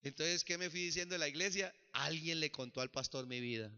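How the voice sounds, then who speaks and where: A male pastor preaching a sermon with personal testimony, swinging from shouts to soft, dramatic lines. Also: fairly high pitch, a little fast, smooth. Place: church sanctuary. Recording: dull lo-fi church recording.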